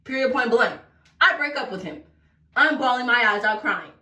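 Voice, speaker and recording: A young woman, telling a story in a chatty, dramatic way full of slang. Her voice sits a little high. It sounds roomy, with some distance from the mic. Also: lively intonation, normal speed, pushed and bright. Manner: chatty, dramatic, slangy, breaks into sing-song bits. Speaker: vlogger. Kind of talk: casual storytime while getting ready. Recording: roomy echo, voice a bit off-mic.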